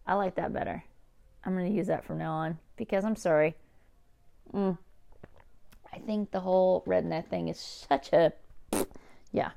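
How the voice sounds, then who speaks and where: A woman's voice: medium pitch, gravelly, warm tone. A woman from California hosting a podcast, talking in a casual monologue full of swearing, jokes and side-tracks. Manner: profane, joking, self-interrupting asides. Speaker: podcast host.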